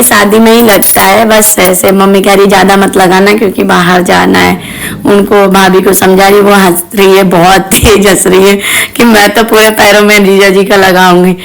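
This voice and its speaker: A woman in her thirties from Bihar talks through her family vlog as a voice-over. Her voice is gravelly and steady, with little rise and fall, and she keeps turning to her viewers in a chatty way. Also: mid-range voice, rough recording. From Bihar, India. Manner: chatty, addressing viewers directly. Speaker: family vlogger.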